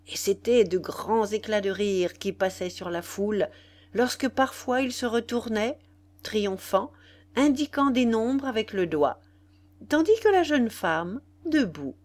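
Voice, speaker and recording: A woman narrating a classic novel as an audiobook with an expressive, dramatic reading. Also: mid-range voice. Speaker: audiobook reader.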